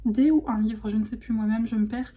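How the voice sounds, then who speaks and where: Excited chatty French woman, mellow voice. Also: fairly high pitch, a little fast. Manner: chatty and excited, many fillers and restarts. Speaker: vlogger. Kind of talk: casual vlog chat.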